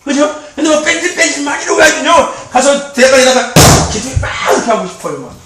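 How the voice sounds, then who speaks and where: A man youth pastor preaching a sermon in a church, animated and repetitive, laughing often as he talks. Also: very high-pitched, fast talker, heavy background noise. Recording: very echoey, distant mic.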